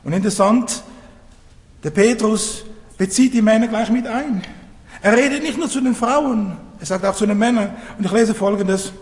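A man's voice: high voice, moderate pace. A man in his fifties preaching a sermon in a conversational way, often asking his listeners questions. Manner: lively, conversational, asks the congregation questions. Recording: long hall reverb.

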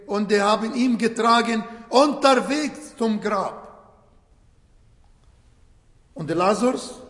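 Slow, high-voiced preacher in an echoey hall. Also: male voice. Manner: halting, restarts phrases, searches for words; slow and emphatic, voice rising in earnest stress. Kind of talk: sermon. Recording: echoey hall with long reverb.

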